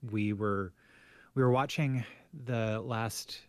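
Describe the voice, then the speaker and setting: A middle-aged man co-hosts a podcast, swapping family stories in a casual, rambling chat full of restarts and laughter. His fairly low voice stays steady and smooth, he speaks slowly, and there's no echo.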